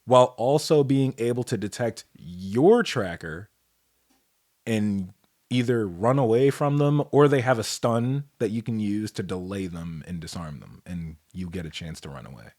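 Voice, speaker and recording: A young man co-hosting a casual podcast, calmly explaining games and trailing off quietly. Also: on the low side, moderate pace. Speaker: podcast co-host. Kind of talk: casual chat.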